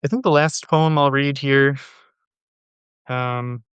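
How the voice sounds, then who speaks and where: A man hosting a poetry channel, reading poems slowly and measuredly, then talking them through in a halting, thinking-aloud way full of fillers. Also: medium pitch, steady tone, a bit bright, clear, resonant tone, no echo, muffled recording. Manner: measured, unhurried poem reading. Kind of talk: poetry reading and casual discussion.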